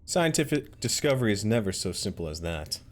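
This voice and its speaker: A man's voice: on the low side, very animated, fairly quick. A man streaming a video game, casually commenting and reading dialogue options aloud.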